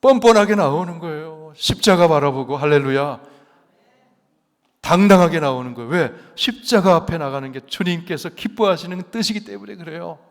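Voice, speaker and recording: A man preaching a sermon as senior pastor, swinging between loud, urgent appeals and hushed, near-whispered lines, and leading the congregation to repeat phrases after him. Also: on the high side, lively intonation, normal speed. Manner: leads the congregation in call-and-response repetition. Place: large church sanctuary. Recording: long church hall reverb.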